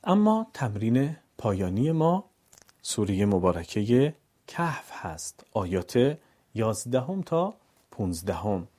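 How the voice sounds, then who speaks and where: Man, recitation teacher, calm lesson narration, dark mellow tone, slightly husky. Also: fairly low pitch. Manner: calm instructional, drills syllables slowly.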